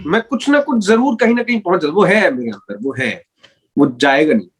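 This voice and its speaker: A man's voice: high voice, expressive, a little fast, fairly bright tone, husky, poor audio. Chatty young radio jockey man. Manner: rambling, self-correcting, mixes in English words. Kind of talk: casual interview answers.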